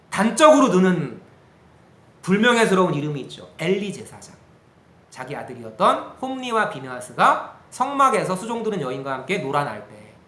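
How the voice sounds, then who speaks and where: Youth pastor, male, sermon; animated, asks the room questions; bright, echoey sound. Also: on the high side. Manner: animated, asks the group questions, acts out quotes.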